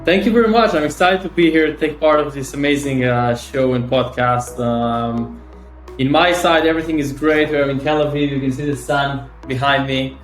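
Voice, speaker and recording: A man in his thirties from Israel speaks as a startup founder in a relaxed interview. He talks eagerly, with many fillers and restarts. His voice carries the echo of a roomy call recording, with faint music behind it. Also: mid-range voice, normal speed. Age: 30s. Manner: fillers and restarts, eager, slightly non-native phrasing. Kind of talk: casual interview chat. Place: home or office in Tel Aviv.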